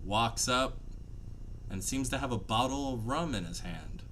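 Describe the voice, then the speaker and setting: A man narrating a tabletop fantasy game as game master, telling it dramatically with pauses. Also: medium pitch, lively intonation, fairly bright tone, rough recording. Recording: faint background room noise.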